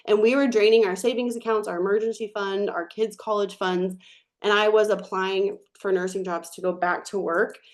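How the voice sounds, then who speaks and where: Woman in her thirties, earnest presenter telling her own backstory, middle-pitched voice. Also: fairly even intonation, normal speed. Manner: earnest, storytelling. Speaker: webinar presenter. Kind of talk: personal success story.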